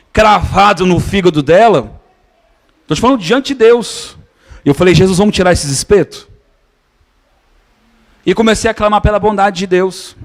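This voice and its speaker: A man preaching a sermon, telling a healing story in a conversational way and calling his listeners brothers. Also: high voice. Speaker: pastor.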